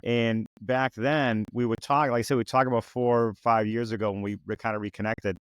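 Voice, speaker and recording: Around fifty, this podcast interviewer speaks fairly quickly in a clear, resonant mid-range voice, with no room sound but a rough recording. Relaxed and a little rambling, he frequently restarts and says "you know."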